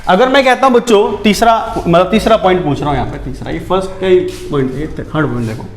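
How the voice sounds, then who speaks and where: Man, chemistry teacher, high voice, brisk and coaxing, quizzes students, echoey room. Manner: brisk, coaxing, repeatedly asks students questions. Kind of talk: classroom lecture to students.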